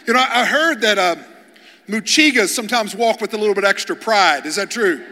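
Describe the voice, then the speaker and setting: A male guest pastor tells humorous stories from the pulpit, often stumbling over repeated words as he starts a sentence. His voice sits high and sounds bright and forceful. The large church hall gives it a long, ringing reverb. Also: lively intonation, fairly quick, slight background noise. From Kentucky, USA. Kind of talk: storytelling sermon.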